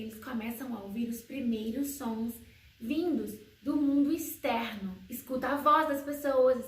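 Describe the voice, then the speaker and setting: A woman homeschooling educator explaining to parents, slowly posing questions and answering them herself. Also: a little hiss or hum. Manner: sings baby words in a high sing-song voice. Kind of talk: educational video talk to parents. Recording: roomy echo, slightly far from mic.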